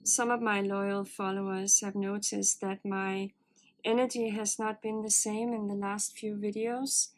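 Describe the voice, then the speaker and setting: In an unhurried delivery, a woman reads oracle cards for her viewers with calm, earnest, gentle encouragement. She speaks low and a bit hoarsely, as though fighting a cold, and the audio quality is poor.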